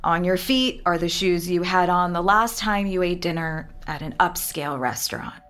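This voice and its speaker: An actress playing a formal, overly polite attendant who calmly guides someone through strange instructions. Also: female voice, on the low side, moderate pace, clean tone, close to an everyday voice. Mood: clinical. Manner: calm, formal, clinical instructions. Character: overly polite woman attendant guiding a captive.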